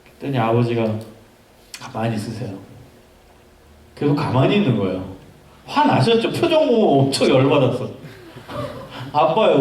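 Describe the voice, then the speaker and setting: A man's voice: medium pitch, darkish tone. A male pastor giving a youth sermon, telling stories and asking the congregation questions. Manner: storytelling, asks the congregation questions. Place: church hall. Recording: echoey hall, voice from far off.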